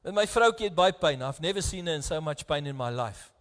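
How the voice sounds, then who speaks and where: A South African man preaching a sermon as pastor, earnest and close to tears, his delivery swinging between hushed and raised. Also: a little high, expressive, fast. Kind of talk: bilingual sermon. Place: church. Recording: echoey church hall.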